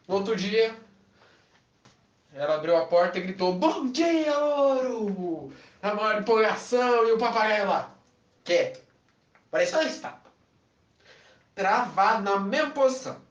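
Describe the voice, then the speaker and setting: A man with a fairly high voice tells a humorous story in a chatty, casual way. He sounds far from the mic in an echoey room, and the recording is dull. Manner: chatty, with frequent tag questions. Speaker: lay preacher telling an anecdote.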